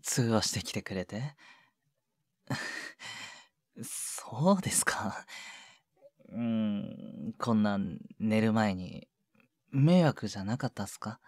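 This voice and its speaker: In an intimate ASMR voice drama, a man with a fairly low voice plays a shy younger junior boyfriend who is awkward about showing affection, heard on one side of a phone call. He speaks softly and hesitantly with breathy murmurs and casual politeness. The close, dry mic gives a clean studio sound.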